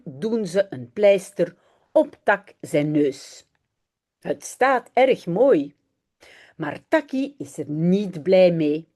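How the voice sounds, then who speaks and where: A woman teaching Dutch and reading a children's story aloud in a clear, teacherly way. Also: on the low side. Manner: animated, clear teacherly delivery.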